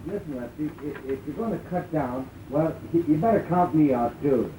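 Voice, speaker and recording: Faint soundtrack noise sits under a bashful young male comic played by an actor in early talkie style. His fairly high voice swings up and down as he stammers through folksy slang. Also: lively intonation, normal speed, mellow, natural voice. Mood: sheepish, earnest. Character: bashful, good-hearted, reckless young male stage comic. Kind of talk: early talkie film acting. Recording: noisy 1929 film soundtrack.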